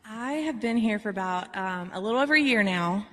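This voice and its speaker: A woman's voice: medium pitch, lively intonation, a little fast, a bit bright. A woman chatting casually in an interview, her voice carrying a big hall reverb effect from the live-stream mic. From southern Georgia, USA. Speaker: singer-songwriter guest. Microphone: live-stream call with reverb left on.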